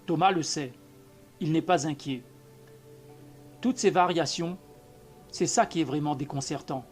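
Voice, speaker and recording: A man reading a short story aloud as an audiobook narrator, in a measured, calm manner. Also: on the high side, soft background music. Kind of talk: scripted narration.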